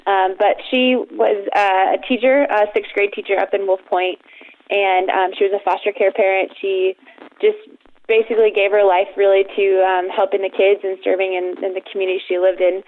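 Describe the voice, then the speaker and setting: A young woman from Colorado calling in as a guest to talk about her charity, earnest and steady with frequent "um"s. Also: mid-range voice, moderate pace. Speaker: phone-in guest, head of a charity. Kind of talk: phone interview. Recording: tinny phone line.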